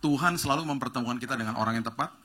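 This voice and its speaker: A man pastor telling a story in a sermon, acting out the dialogue with rising excitement. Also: medium pitch, rapid-fire. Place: church stage.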